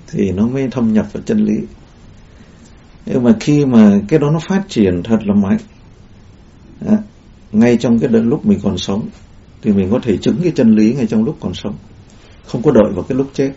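Gravelly dark-voiced man giving a dharma talk. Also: on the low side, moderate pace, pauses often. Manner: rambling, many fillers and restarts. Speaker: Buddhist teacher. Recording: dull lo-fi recording.

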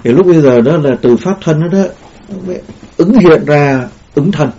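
A man's voice: fairly high pitch, moderate pace, dark tone. A man giving a Buddhist dharma talk in a rambling way, with many fillers and restarts. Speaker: Buddhist teacher. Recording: dull lo-fi recording.

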